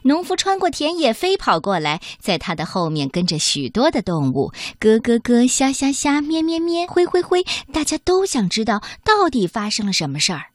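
Female storyteller, animated and high, for a children's picture book. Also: normal speed, hardly any pauses, no echo, clean studio sound. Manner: expressive, sing-song.

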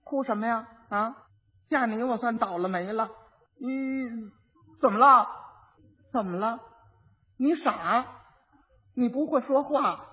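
A man's voice: extremely high pitch, slow pace, long pauses, husky, exaggerated voice. A man voicing a clever, exasperated young bride who lectures and instructs, on a dull old recording with long reverb. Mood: annoyed. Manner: scolding, instructive.

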